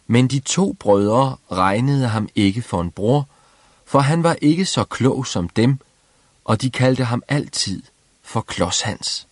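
A man reading a fairy tale aloud as storyteller, in a lively, expressive way. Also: mid-range voice, no room sound.

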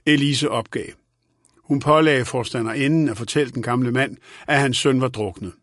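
A man narrates an audiobook in a calm, even, steady reading voice. His voice sits at a middle pitch. The recording is dry and close. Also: no echo.

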